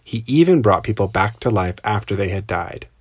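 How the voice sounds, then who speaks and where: Lowish-voiced man co-hosting a children's podcast. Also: lively intonation, moderate pace, over loud music. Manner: simple child-directed explaining. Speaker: podcast co-host. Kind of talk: scripted children's storytelling podcast. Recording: makeshift home recording without usual mic.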